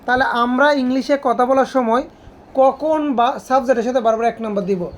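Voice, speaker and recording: High-voiced woman teaching grammar. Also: moderate pace. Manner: asks students repeated questions. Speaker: English teacher. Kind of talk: classroom grammar lesson.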